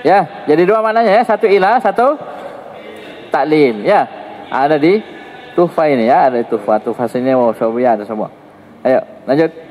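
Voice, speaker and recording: Lively male Arabic teacher in a reverberant hall. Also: normal speed, long pauses. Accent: Indonesian. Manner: lively, joking, swings pitch up and down to show intonation. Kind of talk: classroom lesson explaining grammar.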